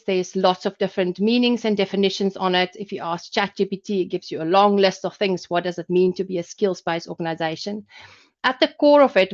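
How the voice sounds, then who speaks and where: A woman born in South Africa presenting a business webinar over a video call, explaining points in a loose, conversational way. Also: mid-range voice. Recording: dull lo-fi call audio.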